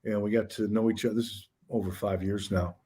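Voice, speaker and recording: A man's voice: on the low side, fairly even intonation, fast talker, dark tone, breathy edge. A man who works in radio and media, chatting casually in an interview and telling stories with easy, self-deprecating humor.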